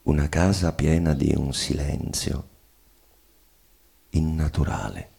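An actor playing a menacing, feverish, obsessive man in an intense theatrical monologue, ranting wildly and swinging between breathy whispers and outcries. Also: a bass voice, steady tone, slow, mellow, exaggerated voice. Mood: delirious.

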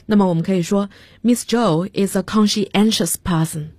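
A woman's voice: medium pitch, moderate pace, darkish tone, no echo. A woman teaching English vocabulary on a radio lesson, spelling words out letter by letter and giving example sentences.

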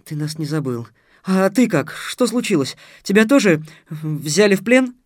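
An eager young woman who talks in quick, trembling bursts, her voice lifted higher than the narration, as a man reads her part. The sound is dry and close, with no room around it. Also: animated, no echo. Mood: eager, anxious.

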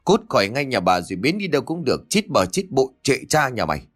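A man voicing a furious old village matriarch, hurling curses in a fast tirade. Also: big pitch swings. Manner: shrill cursing tirade.

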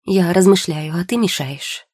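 A woman's voice: lowish voice, a little slow, a little mellow, breathy edge, no echo, studio quality. A woman voicing a prickly, sarcastic young witch. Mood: curt. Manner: curt, sarcastic retorts. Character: tired, prickly young woman potion-maker. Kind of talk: audiobook character voice.

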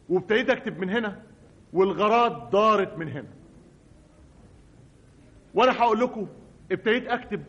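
A man's voice: high voice, fairly bright tone, highs cut off. A man with an Egyptian accent narrating a radio comedy monologue as a frustrated writer, in a mock-formal, exasperated manner. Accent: Egyptian Arabic.

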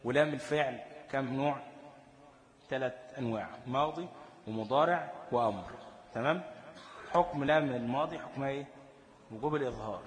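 In a hall-like space with lingering echo, an Egyptian man teaching tajweed asks his students questions and then responds to them himself. His pitch stays even and in the middle. Whenever he quotes a verse, he slows down and chants it.

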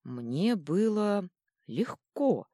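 A woman's voice: sits low, very animated, unhurried, mellow, slightly rough, no echo, studio quality, exaggerated voice. A woman voicing an ancient male stone troll who grumbles and snaps bluntly. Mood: grumbling.

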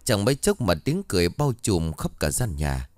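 A man narrating a ghost story in a dramatic, expressive reading style. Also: sits low, moderate pace, no echo.

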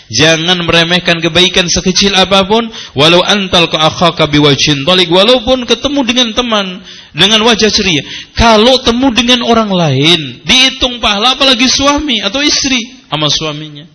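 A man preaching an Islamic study lecture, animated and joking, jumping up high in pitch and acting out complaints. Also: moderate pace. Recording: live audio of a study session.

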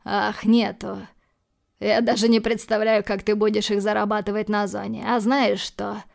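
A woman playing a cold, dangerous man in an audiobook, threatening in a calm, low, clipped way. The delivery is flat and monotone, with a gravelly edge. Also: moderate pace, close to an everyday voice. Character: cold, menacing male hero, a tough man. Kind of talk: audiobook character voicing.

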